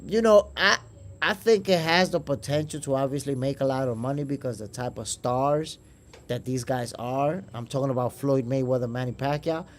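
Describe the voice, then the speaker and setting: A chatty Dominican man from New York with a somewhat high voice hosts a boxing podcast, reading the live chat during casual livestream commentary. He calls viewers "my brother" and tends to repeat words.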